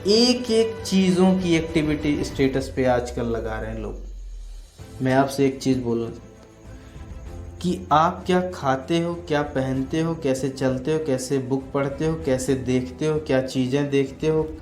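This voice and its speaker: A network marketing coach gives an instructional talk, explaining emphatically and repetitively with lists of examples. His mid-range voice is a little slow and a little mellow. Music plays underneath in a roomy, echoing space.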